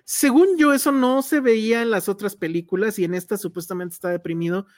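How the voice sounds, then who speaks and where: A woman's voice: mid-range voice, fairly quick, a little mellow. A woman with a Mexican Spanish accent chatting casually as a film reviewer, slangy and full of hedges. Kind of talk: casual movie review chat.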